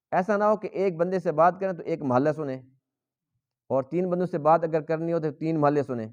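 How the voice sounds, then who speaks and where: A man's voice: on the high side, a little mellow. A man with a Pakistani Urdu accent giving a Quran lesson in a mosque, earnestly explaining and asking rhetorical questions. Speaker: Quran teacher. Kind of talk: sermon. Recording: dull lo-fi recording.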